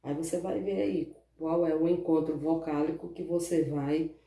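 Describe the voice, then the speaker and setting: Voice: medium pitch, fairly even intonation, normal speed, vocal fry, warm tone. A teacher with a Brazilian accent giving a recorded class, explaining patiently step by step and often checking in with the pupils. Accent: Brazilian Portuguese. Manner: patient, explains step by step, keeps asking "né?" and "certo?". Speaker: primary school teacher. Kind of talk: recorded online class lesson. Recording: echoey room, voice far from the mic.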